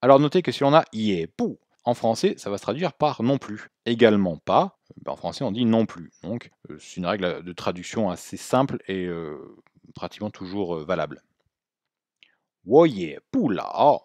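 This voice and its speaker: A man teaching a Mandarin lesson, explaining patiently and repeating Chinese words slowly, with casual fillers and self-corrections. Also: fairly low pitch, expressive, darkish tone, no echo. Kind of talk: spoken language lesson.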